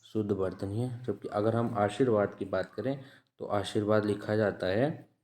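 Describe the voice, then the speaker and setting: A man teaching as an exam-prep tutor, reading out test questions, then repeating each answer in a measured way. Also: fairly low pitch, a little mellow, roomy sound. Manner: measured, repeats answers with frequent "ठीक है" checks.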